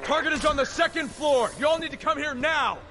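Actors voicing tense male soldiers in a video game, giving clipped military orders and urgent shouts. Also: very high-pitched, brisk, noisy background.

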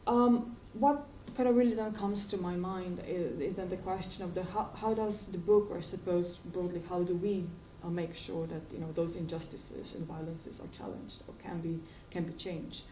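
A woman in her forties speaks on a panel in a low, mellow voice, halting often with ums and restarts. She is picked up from across a university seminar room, so the sound is roomy and distant, with faint ambience behind. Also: fairly even intonation, slight background noise. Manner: hesitant, many fillers and restarts. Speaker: academic panelist. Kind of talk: academic panel response. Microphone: far room mic. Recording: echoey room from far off.

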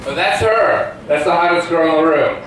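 A man hosts a cafe open mic night and introduces each comedian with a teasing joke. His voice sits high. It is heard from far off in a very echoey room. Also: moderate pace, very noisy. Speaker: guest host.

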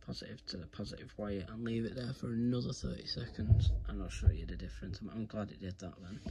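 Recording on his phone at home, a British man films his hands in a carpeted room while giving a rambling, repetitive, informal how-to demonstration. His voice is on the low side and his pace quick. There's background noise.

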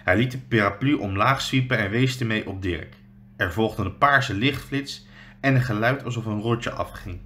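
A male teacher reading a children's book aloud in a steady storytelling way with small slips. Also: medium pitch, slight background noise.

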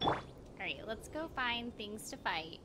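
During a game livestream, a young female streamer talks casually, teasing the characters and addressing her audience. She sounds a little high and animated, speaking a bit slowly over heavy background noise and game music.

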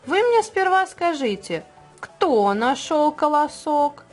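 A woman voicing a hardworking, patient male rooster in a children's storybook reading, calling out in a bright sing-song way. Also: sits high, big pitch swings, slow pace, faint music behind, pitched above the performer's own voice, full character voice. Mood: calling, firm.

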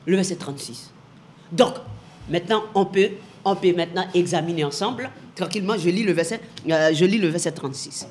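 A woman's voice: on the low side, fairly quick, a little hiss or hum. A woman giving a televised Bible teaching, emphatic, repeating her phrases and asking the viewers rhetorical questions.

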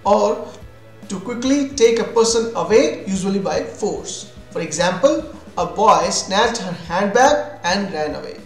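A high-voiced, animated man teaches English vocabulary at an unhurried pace. He has an Indian accent and works from a script, defining terms and then illustrating them with examples, as an English teacher would. The audio is echoey, with music underneath.

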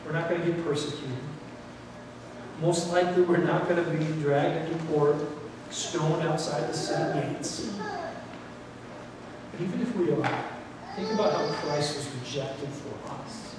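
A middle-aged man preaching a sermon in a church, animated, acting out what people think. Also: fairly high pitch, a little slow, noisy background. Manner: animated, gesturing while preaching, acts out quoted thoughts. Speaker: pastor. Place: church sanctuary, indoors. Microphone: far camera, no mic worn. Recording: echoey hall from far off.

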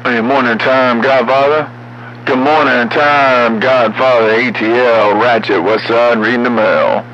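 A man's voice: mid-range voice, steady tone, unhurried, a bit bright, lo-fi sound. A man chatting over CB radio in trucker lingo, full of friendly greetings and good wishes. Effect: heard over CB radio. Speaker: CB radio operator. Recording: static-heavy CB radio transmission.

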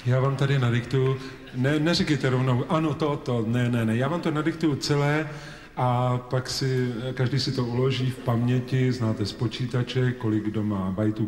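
A man's voice: medium pitch, fairly even intonation, a little mellow. A man in his forties chatting and joking with a live audience between songs, teasing and talkative in a raised stage voice. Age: 40s. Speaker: singer-songwriter on stage. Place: live concert hall with audience. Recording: echoey live hall recording, audience noise.

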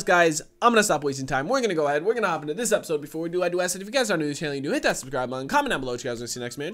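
A man's voice: on the high side, a bit bright. A man in his twenties giving casual reaction commentary as host, slangy and profane. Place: small indoor room with shelves.

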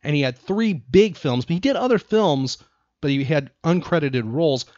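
An American podcast host and trivia quizmaster keeps things casual, asking questions and giving facts in short phrases. His voice is a little high and a bit mellow, with lively intonation at a moderate pace, recorded dry with slightly dull, lo-fi sound.

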